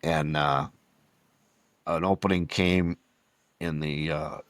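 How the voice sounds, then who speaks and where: Deep-voiced man in his sixties telling stories. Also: fairly even intonation, takes it slowly, no echo. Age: 60s. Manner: rambling anecdotal storyteller, acts out quotes. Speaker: retired baseball umpire, podcast guest. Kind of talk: storytelling in a casual podcast chat.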